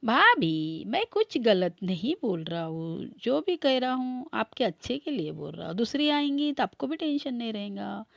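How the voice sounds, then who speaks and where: A woman's voice: fairly high pitch, very animated, normal speed, vocal fry, few pauses, muffled recording. A woman voicing a cheeky young male brother-in-law in a comic family skit, teasing and then pleading.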